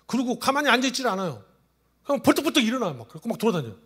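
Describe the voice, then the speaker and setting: A male pastor in his forties preaching a sermon, telling stories, swinging from loud exclamations to hushed asides. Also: very high-pitched, very animated, rapid-fire, breathy edge. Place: church sanctuary.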